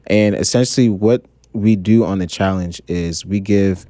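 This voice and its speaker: A man's voice: low voice, moderate pace, dark tone, no room sound. A man speaking as a guest in an interview, explaining his program with frequent ums and restarts. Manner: hesitant, fills with um and right. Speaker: guest, trading educator. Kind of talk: casual interview chat.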